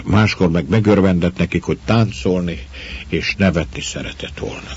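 A man reading a story aloud as narrator, with slow, dramatic storytelling, on a slightly muffled recording. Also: low-pitched, a little mellow, breathy edge. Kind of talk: audiobook narration.

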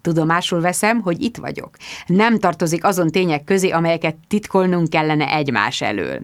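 A woman voicing a calm, charming man who murmurs softly and teases gently. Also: low voice, no echo. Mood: soft murmuring.

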